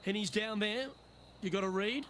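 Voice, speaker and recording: A man playing a composed lead golf commentator, calling each shot in a measured broadcast style for a video game. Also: high-pitched, fairly bright tone, slight background noise. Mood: composed, engaged. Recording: crowd and outdoor ambience behind.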